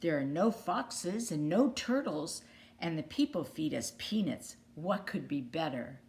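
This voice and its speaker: A woman's voice: low-pitched, lively intonation, a little slow, a little mellow. Fussy mother mallard duck read by a woman. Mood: pleased. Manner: fretful, emphatic.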